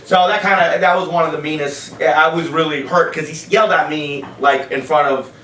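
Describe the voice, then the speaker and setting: Rambling, profane comic telling stories from afar. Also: male voice, fairly high pitch, fairly even intonation, a little fast, pushed and bright. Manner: profane, rambling, laughing storyteller. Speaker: stand-up comic guest. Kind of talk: casual podcast storytelling. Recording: roomy sound from a distance.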